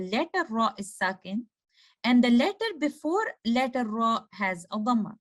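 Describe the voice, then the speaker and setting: A woman with a slightly high voice gives a recorded recitation lesson. She explains each rule step by step. She slows down to sound out single letters with care. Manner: slow, careful demonstration of letter sounds. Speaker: tajweed teacher.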